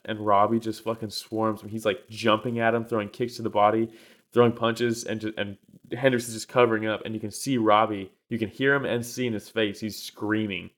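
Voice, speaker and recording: Excitable low-voiced man telling fight stories. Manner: animated storytelling with frequent swearing and fillers. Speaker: podcast co-host. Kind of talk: casual chat.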